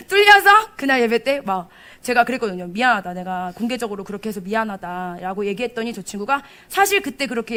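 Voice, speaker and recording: A young adult woman pastor preaching a sermon, telling stories with animated quoted speech and frequent laughter. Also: a little high. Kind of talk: sermon with storytelling. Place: church service.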